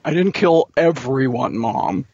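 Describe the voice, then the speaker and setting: Girl doing a whiny sarcastic dark side guy, comedy bit, slow, up and down pitch, muffled. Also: expressive, slightly rough, no room sound, heavily acted. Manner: sarcastic, pedantic, sulky. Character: petulant, sarcastic young male dark-side villain. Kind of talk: improvised comic role-play.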